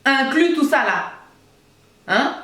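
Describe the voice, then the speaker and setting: A young woman from Côte d'Ivoire, telling a story to her viewers in an animated, emphatic way. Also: high-pitched, takes it slowly, echoey room. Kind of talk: casual storytime monologue.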